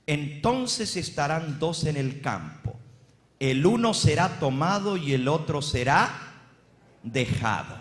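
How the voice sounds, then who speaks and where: A man preaching a sermon to a congregation, emphatic and full of rhetorical questions. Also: mid-range voice. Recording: echoey hall reverb.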